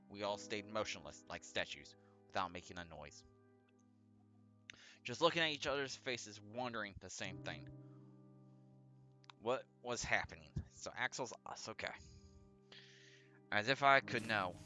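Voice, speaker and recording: His voice is lowish, pushed, and bright as he hosts a let's play, reading a visual novel aloud with relaxed commentary. Background music runs throughout, and he occasionally fumbles a line and then corrects himself.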